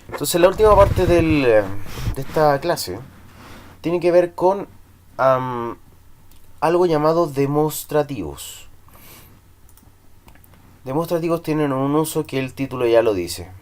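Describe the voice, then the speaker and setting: Male teacher, unhurried classroom delivery, patient repetition drills. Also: medium pitch, lively intonation. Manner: slow, patient drilling, repeats words for students to echo. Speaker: English teacher. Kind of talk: classroom lesson explaining in Spanish, drilling English numbers.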